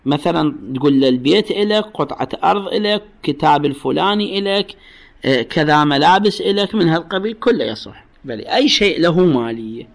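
A man's voice: fairly high pitch, animated, a little fast, gravelly. A man with an Iraqi Arabic accent teaching a jurisprudence class. He explains patiently, repeats key phrases and quizzes his students. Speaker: religious law teacher.

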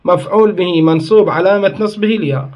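This grammar teacher has a high, darkish voice and talks fast. He explains each point in sequence, asks things he then answers himself, and stops mid-sentence to correct himself.

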